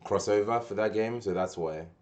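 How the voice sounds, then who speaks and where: A man's voice: lowish voice, normal speed, darkish tone. A young man hosting a casual gaming podcast, rambling with lots of restarts and slang. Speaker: podcast host and tournament organizer. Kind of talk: casual chat.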